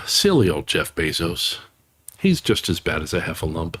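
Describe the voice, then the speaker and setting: A man hosting a livestream, reading a children's storybook aloud in a gentle, softly spoken voice with chatty asides, on a close microphone. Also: deep voice, very animated, measured pace, slight background noise. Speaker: livestream host.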